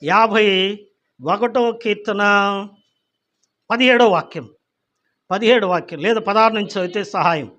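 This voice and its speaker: A man preaching a sermon as pastor. He keeps putting questions to the congregation, slows right down to read scripture, and drops quiet and low on key words. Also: highs cut off. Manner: calls out questions to the congregation, repeating "ఏమండి?".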